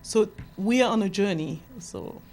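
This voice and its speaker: A woman's voice: mid-range voice, normal speed, darkish tone. French-raised guest woman, Fula native. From France, Senegalese heritage. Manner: thoughtful, speeds up when enthused. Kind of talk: casual interview talk.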